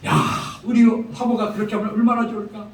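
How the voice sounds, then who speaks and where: Man, pastor, revival sermon, high voice, chuckling storyteller, echoey hall, distant mic. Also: little pitch movement, fast. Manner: humorous storytelling, chuckling, emphatic repetition. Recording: echoey prayer-house hall from far off.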